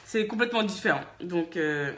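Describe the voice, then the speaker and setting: A woman's voice: fairly low pitch, normal speed, noisy background. A French woman vlogger from France, telling a casual, chatty story and laughing often. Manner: lively, chatty, laughs often, many fillers. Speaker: vlogger and hair-care business owner.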